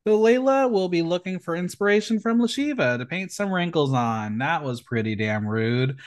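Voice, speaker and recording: A man's voice: expressive, normal speed. A man hosting a podcast, recapping a TV episode in a campy, sarcastic manner. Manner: campy, sarcastic, with sudden pitch jumps. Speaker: podcast host.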